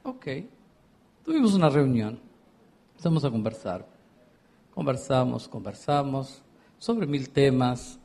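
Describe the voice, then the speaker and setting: Husky, lively rabbi. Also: male voice, medium pitch, unhurried, pauses often. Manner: animated, acts out dialogue in his anecdotes; questions the audience directly. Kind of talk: storytelling lecture.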